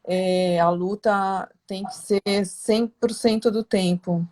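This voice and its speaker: A woman's voice: medium pitch, fairly even intonation, slow, a little mellow. A woman from Santos, Brazil, hosting an interview in a chatty, rambling way, full of fillers and tag questions. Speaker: interview host. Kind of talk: casual interview chat.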